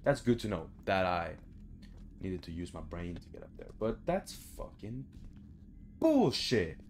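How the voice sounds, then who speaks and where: Indoors at home, a young adult man mutters casual video game commentary, frustrated and swearing freely. His low voice has a darkish tone and a sing-song lilt at a measured pace.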